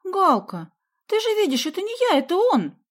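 A woman voicing a feisty, quick-tempered schoolgirl who argues in indignant, squealing retorts. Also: high voice, sing-song, darkish tone, voice pushed up.

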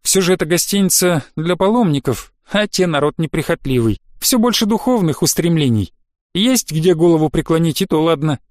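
Man doing a calm wry middle-aged father. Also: fairly high pitch, a little fast, no room sound, clean studio sound, natural voice. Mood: explaining. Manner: good-natured, explaining.

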